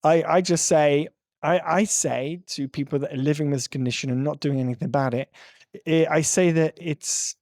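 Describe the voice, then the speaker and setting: A man's voice: fairly high pitch, fairly even intonation, normal speed, a little mellow, no echo, studio quality. A male tic coach giving an earnest, rambling talk with frequent laughs. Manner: earnest, ranting, breaks into laughs. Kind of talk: casual monologue commentary.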